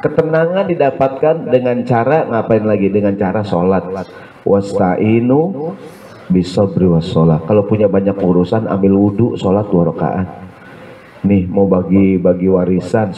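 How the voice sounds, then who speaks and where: A male preacher gives a humorous sermon at a home gathering, chanting Arabic verses and often asking the listeners "ya nggak?". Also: lowish voice. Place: home gathering after evening prayer. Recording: tinny phone-like sound.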